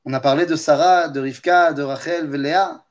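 A man with a high voice gives a lesson as lively storytelling. He is animated, breaks in with humorous asides and talks straight to his listeners. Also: moderate pace. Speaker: teacher of Torah.

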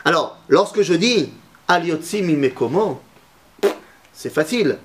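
A man's voice: a little high, animated, measured pace. A man teaching a Torah lesson to a class, asking his students questions and mixing Hebrew terms into his talk.

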